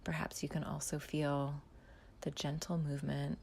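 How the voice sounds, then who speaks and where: A mindfulness guide leads a guided body scan, her low voice gravelly with fry, slow, soft, and often sinking to a near whisper. Her delivery is flat, long pauses fall between her gentle instructions, and there's slight background noise.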